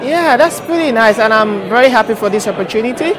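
A man's voice: extremely high pitch, lively intonation, fast talker. Man from Nigeria, crowd around. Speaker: interviewee, student. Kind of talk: casual interview answers. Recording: crowd chatter behind.

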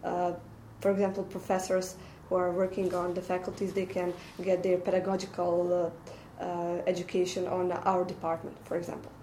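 A young woman from Bosnia and Herzegovina answers interview questions as an exchange student. She talks thoughtfully and fills her pauses. Her voice is even and mellow and sounds roomy. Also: fairly low pitch, slight background noise. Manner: thoughtful, many uh fillers. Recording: roomy echoey room.

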